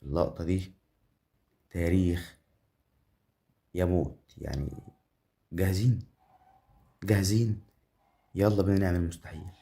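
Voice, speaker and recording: A man with an Egyptian accent runs live gameplay commentary in a low, dark voice. He is chatty, counts his winnings out loud and keeps talking straight to the viewer. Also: steady tone, measured pace, gravelly, pauses often. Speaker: gambling game streamer.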